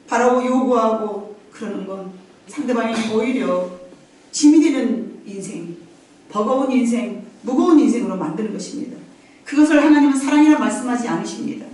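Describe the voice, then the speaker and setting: A woman's voice: on the high side, lively intonation, moderate pace, dark tone. A woman preaching a sermon in a conversational way, acting out family voices and laughing often. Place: church sanctuary. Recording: echoey church hall from far off.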